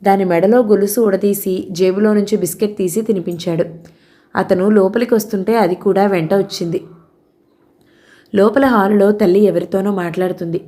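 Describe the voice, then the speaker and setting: A woman reads a romance novel aloud as its narrator. Her delivery is steady and measured, and her tone is mellow at a middle pitch. Every line is plainly told.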